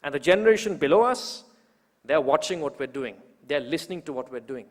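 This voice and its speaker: Man, 20s, emphatic public speaker with a slightly high voice, recorded with long reverb in a large hall. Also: lively intonation, a little fast. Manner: rousing, emphatic, with rhetorical repetition. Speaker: youth organizer introducing the main speaker. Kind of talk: public speech at a political event.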